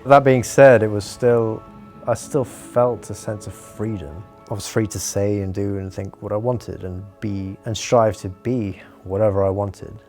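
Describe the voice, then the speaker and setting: A man's voice: on the low side, fairly even intonation, measured pace, few pauses, darkish tone, soft background music. A man from Hong Kong, interviewed with his voice disguised, explaining things earnestly with frequent restarts. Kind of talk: explaining, measured interview talk.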